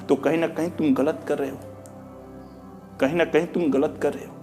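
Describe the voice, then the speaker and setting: Earnest man, fairly high voice. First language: Bhojpuri. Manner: earnest, repetitive, rhetorical questions, mixes in English. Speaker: teacher. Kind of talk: addressing students, reading out feedback.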